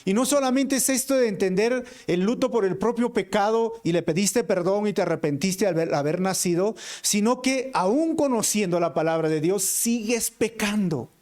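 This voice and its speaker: A pastor preaching a sermon with a Peruvian Spanish accent, earnest, swinging between emphatic lines and hushed ones and calling the listeners brothers. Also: male voice, high-pitched, moderate pace, few pauses. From Peru.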